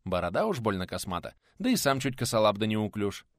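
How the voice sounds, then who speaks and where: Lively male audiobook narrator. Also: on the low side, brisk, no echo, studio quality. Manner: expressive, animated storytelling.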